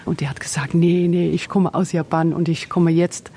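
A museum receptionist telling an anecdote in German, recorded on location. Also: female voice, fairly low pitch, flat delivery, moderate pace, mellow, a little hiss or hum. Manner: storytelling, non-native German. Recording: field recording, distant, faint ambience.

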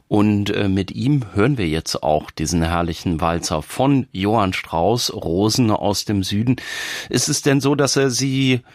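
A man's voice: on the low side, no room sound, studio quality. A man presenting a radio show in a friendly, chatty way, talking with a caller. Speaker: radio host. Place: radio studio. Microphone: studio microphone.

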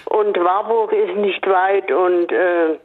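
An older woman from northern Hesse calling in to a radio show, speaking slowly and hesitantly, with many pauses and fillers. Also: medium pitch, fairly even intonation. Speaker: radio caller. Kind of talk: phone-in chat on radio. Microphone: telephone. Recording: tinny phone line.

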